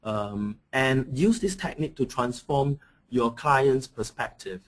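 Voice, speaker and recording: A man from Singapore presents a coaching webinar at a mid-range pitch, speaking through a computer mic on an online call. He talks hesitantly, with frequent fillers and restarts, as he searches for his words. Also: unhurried. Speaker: coaching trainer.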